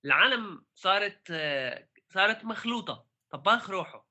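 A man with a Levantine Arabic accent talking casually about tech in a halting way, mixing English terms into his speech. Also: high-pitched, animated, bright, forceful tone, muffled recording. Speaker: podcast co-host.

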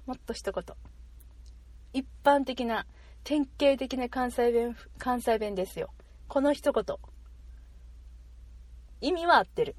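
A woman hosting a casual talk show, speaking with a Kansai accent and quizzing her co-host in an animated way. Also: fairly high pitch, takes it slowly, pauses often, no room sound. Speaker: podcast host. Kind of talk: casual chat.

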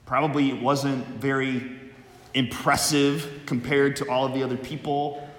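Slow-speaking male preacher in cathedral echo. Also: mid-range voice, fairly bright tone. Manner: measured, deliberate phrasing with pauses. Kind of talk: liturgical Gospel reading and homily. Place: large reverberant church interior. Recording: echoey church with long cathedral-like reverb.

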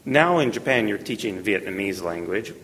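Male podcast host, gravelly and lowish, long room reverb. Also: expressive, normal speed, fairly bright tone. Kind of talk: conversational podcast interview.

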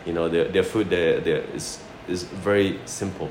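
Speaking at a normal speed with a low voice and fairly even intonation, a Malaysian chef originally from Sarawak and later based in New Zealand shares casual, informal anecdotes in an interview. He tends to repeat phrases. There's a roomy echo and heavy background noise.

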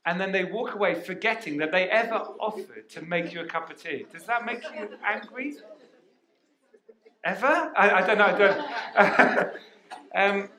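High, bright-voiced preacher in an echoey hall. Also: male voice, a little slow. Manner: energetic, asks the congregation questions. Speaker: pastor. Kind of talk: sermon. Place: church hall. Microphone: headset mic.

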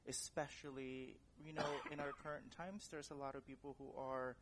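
A man's voice: medium pitch, level tone, very noisy. A man in his twenties from the Philippines, an actor and director speaking as an interview guest in an earnest, reflective way. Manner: earnest and reflective, thoughtful pauses. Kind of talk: casual interview.

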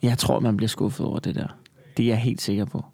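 A man co-hosting a podcast in casual chat, animated and emphatic, with frequent swearing. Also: lowish voice, gravelly, no echo. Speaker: podcast co-host.

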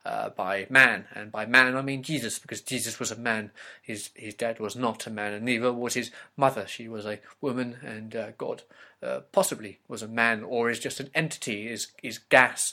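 A man delivering an improvised absurd comedy ramble, halting and full of fillers. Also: medium pitch, pushed and bright.

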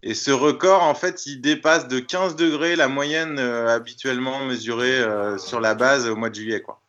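A man explaining something in a casual chat, halting and often searching for words. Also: medium pitch, fairly even intonation, a bit bright, muffled recording.

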